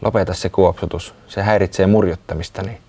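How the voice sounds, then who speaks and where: A man's voice: low-pitched, fairly even intonation. A man voicing Sisu, a small touchy creature who speaks curtly. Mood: sulky. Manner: curt, sulky, then shyly warm.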